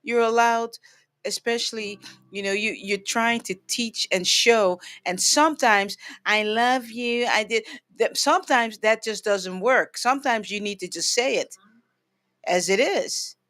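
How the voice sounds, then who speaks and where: A woman's voice: on the high side, a little slow, a bit bright. A woman hosting a live sound healing session, counseling a caller in a reassuring way, laughing often and repeating phrases for emphasis. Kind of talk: live spiritual counseling chat.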